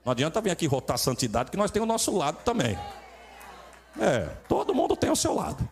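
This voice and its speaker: Man, Brazilian accent, traveling pastor, humorous storytelling sermon, acts out voices, quick delivery, slightly high voice. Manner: animated, acts out dialogue in voices.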